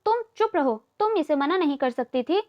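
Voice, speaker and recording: Female narrator as a strict young man giving a telling-off, high voice, lo-fi sound. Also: lively intonation, normal speed. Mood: stern. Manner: stern, scolding. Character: stern young man scolding, protective older neighbour.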